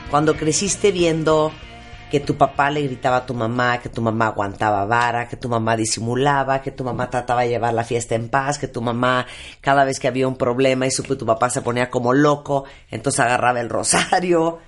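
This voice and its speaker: Woman, radio host, very low voice, brisk, music bed behind. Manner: brisk, prompting the guest. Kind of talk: radio interview hosting.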